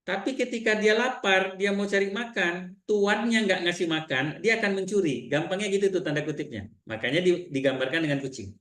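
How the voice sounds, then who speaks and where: A man with an Indonesian accent giving a seminar talk, telling client stories in lively quoted dialogue. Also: sits high, brisk, few pauses, roomy sound. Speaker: seminar trainer.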